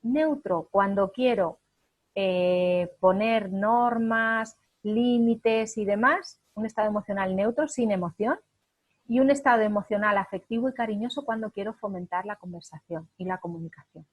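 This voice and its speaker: A woman's voice: medium pitch, moderate pace. A woman parenting coach giving an emphatic spoken lesson, illustrating her points with short acted examples.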